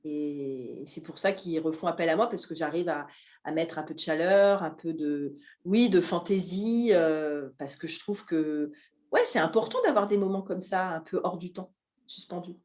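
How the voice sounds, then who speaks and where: Middle-aged woman, Alsace-born chef guest; lively, halting café-talk delivery. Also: lowish voice. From Alsace, France. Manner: animated, hesitant with many fillers. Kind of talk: casual talk at a live café event.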